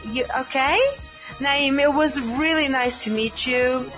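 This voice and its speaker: A woman's voice: high-pitched, slow, fairly bright tone, muffled recording, faint music behind. A woman in her late thirties whose native language is Portuguese, hosting a casual live podcast chat and talking hesitantly with many ums and restarts. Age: 30s. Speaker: podcast host.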